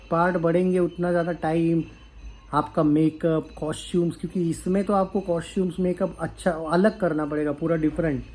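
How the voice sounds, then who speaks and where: A man, a film news YouTuber chatting casually to his viewers, pausing with fillers and slipping into English phrases. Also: fairly high pitch, warm tone. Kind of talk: casual chat to camera.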